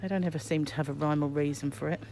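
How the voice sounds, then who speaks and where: A woman's voice: low voice, steady tone, rapid-fire, dark tone. Muffled British woman talking through a face mask. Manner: musing aloud to herself. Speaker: crochet vlogger. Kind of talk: casual shopping vlog, chatty commentary. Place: inside a shop aisle. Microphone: handheld phone, behind the camera. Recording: background noise, shop ambience.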